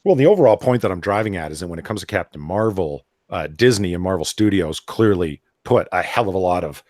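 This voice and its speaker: A male podcast host leads a casual live panel chat, opinionated and animated, talking in bursts and often restarting. His voice is low and brisk, captured with clean studio sound and no room sound.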